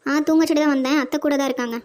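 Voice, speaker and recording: A woman voicing a gentle young wife. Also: high-pitched, fairly even intonation, racing, natural voice. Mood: cheerful. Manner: soft and pleading. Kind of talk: Tamil cartoon dubbing.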